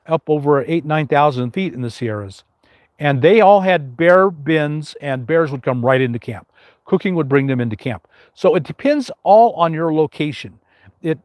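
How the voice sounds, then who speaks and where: An older man with a big, carrying, fairly high-pitched voice hosts a casual live Q&A stream. He rambles, full of fillers and restarts, and there is no echo.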